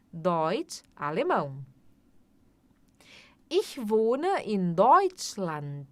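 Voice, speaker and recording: A woman, teaching German in a slow, patient language lesson and repeating each phrase. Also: fairly high pitch, no echo. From Brazil.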